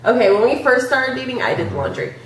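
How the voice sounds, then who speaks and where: A woman's voice: fairly high pitch, big pitch swings, fast. Giggly woman, roomy and slightly distant. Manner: giggly, rambling explanations. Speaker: vlogger asking tag questions. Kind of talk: casual chat. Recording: echoey room, a bit far from mic, faint noise.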